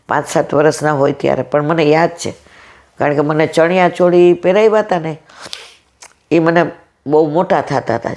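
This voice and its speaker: A woman's voice: low-pitched, a little mellow. A woman in her sixties giving a devotional talk at a satsang, telling a story and acting out each person's lines. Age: 60s. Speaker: satsang speaker.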